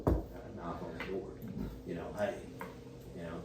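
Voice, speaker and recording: A man telling a long, profane story in a rambling, animated way as a podcast guest. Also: deep voice, unhurried. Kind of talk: casual storytelling. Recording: echoey room, distant mic, faint noise.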